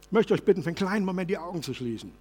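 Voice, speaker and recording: Husky-voiced man preaching in a reverberant hall. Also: high voice, lively intonation, very fast. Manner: passionate preaching, swings from loud to soft. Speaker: pastor. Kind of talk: sermon. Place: church service hall.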